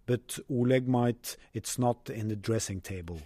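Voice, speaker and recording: A man voicing an anxious woman in love while reading aloud from a novel, in a quiet and plain voice. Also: mid-range voice, measured pace, dry recording, lightly acted.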